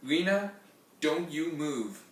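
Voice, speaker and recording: A man voicing a brisk, commanding grandmother in a storybook. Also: a little high, expressive, distant mic, pitched above the performer's own voice. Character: bossy, take-charge grandmother. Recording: very echoey room heard from afar.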